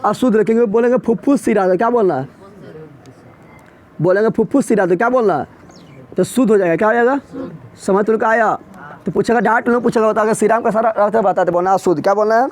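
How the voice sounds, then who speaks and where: High-voiced man drilling students. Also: fast talker, pauses often. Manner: drills students with repeated quiz questions; colloquial, emphatic explaining. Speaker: teacher. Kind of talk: classroom lecture.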